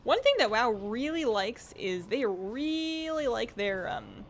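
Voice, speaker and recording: A slight hiss or hum sits under this woman's fairly high, lively voice as she takes things slowly. She's a game streamer chatting casually and rambling as she plays, reading viewer comments aloud, her voice a little strained from talking.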